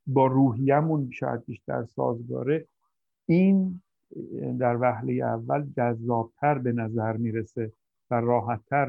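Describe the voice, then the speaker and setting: Gravelly man on a tinny dry line. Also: mid-range voice, dry recording. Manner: hesitant, searching for words. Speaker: host. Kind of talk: conversational discussion.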